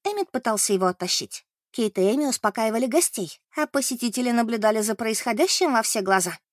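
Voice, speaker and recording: A woman narrating an audiobook in an expressive, animated way. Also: fairly high pitch, quick pace, no room sound, clean studio sound.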